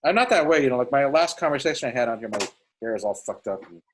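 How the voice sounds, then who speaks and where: A man with a husky voice chatting casually with friends on a video call. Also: medium pitch, lively intonation, quick pace, a little hiss or hum. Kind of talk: casual group video chat. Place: indoors on a computer video call.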